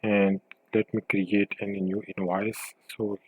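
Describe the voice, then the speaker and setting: In this screencast, a man acting as a developer explains software step by step, stringing together choppy, hesitant phrases. His lowish voice is flat with a breathy edge, captured on a low-quality recording.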